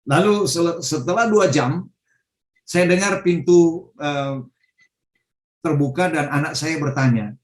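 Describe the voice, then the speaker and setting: A middle-aged man preaching, telling his testimony with emotional, fervent bursts. His voice sits high for a man. It comes through a video call with a roomy echo around it. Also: slow, long pauses. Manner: emotional storytelling, fervent exclamations. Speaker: pastor. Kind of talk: testimony sermon.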